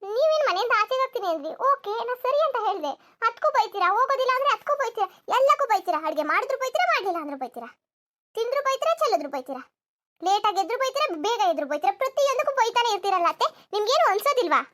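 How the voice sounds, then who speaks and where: A woman's voice: very high-pitched, big pitch swings, very fast, fairly bright tone, heavily acted. A woman voicing a lazy, sleep-loving young daughter-in-law in a cartoon comedy, cheeky and argumentative. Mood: defiant. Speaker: narrator addressing viewers.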